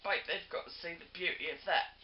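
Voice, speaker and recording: A woman unboxing a gift on a craft vlog, gushing and effusive, with lots of breathy "oh"s. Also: on the low side, quick pace, slight background noise. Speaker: crafting vlogger. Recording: lo-fi home video, roomy.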